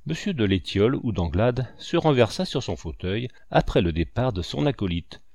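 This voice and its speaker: A man reading a novel aloud in an expressive, animated way. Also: medium pitch, normal speed, gravelly, no echo, clean studio sound. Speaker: audiobook reader.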